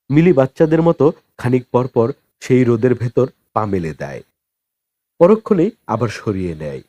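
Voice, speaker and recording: Reading a novel aloud as an audiobook, a medium-pitched male narrator leans into expressive, dramatic storytelling and pauses deliberately. There is no echo on the recording.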